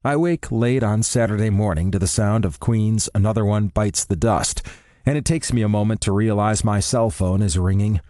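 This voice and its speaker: Dry, low-voiced male audiobook narrator. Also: moderate pace, dark tone, dry recording. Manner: dry, wry. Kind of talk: first-person romance audiobook narration.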